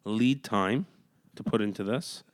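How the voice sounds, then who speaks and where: A man co-hosting a casual hockey podcast at home, rattling off player stats and laughing often. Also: fairly low pitch. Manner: reads stats in a quick list, breaks into laughs. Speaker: podcast co-host. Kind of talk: casual sports chat reading stats. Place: home room.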